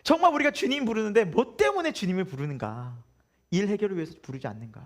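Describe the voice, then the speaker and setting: A man's voice: high voice, sing-song, quick pace. A male pastor preaching a Sunday sermon in a church, with humor and many rhetorical questions.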